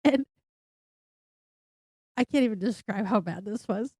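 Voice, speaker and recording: Woman co-host, casual swearing chat, mellow warm voice, dry close sound. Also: mid-range voice, measured pace, slightly rough, no echo. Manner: casual, swears freely, lots of "like". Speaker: podcast co-host.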